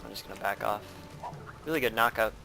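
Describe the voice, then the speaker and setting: A man's voice: lowish voice, fast, gravelly, over music. A man giving casual, rambling commentary over his own gameplay, with many fillers.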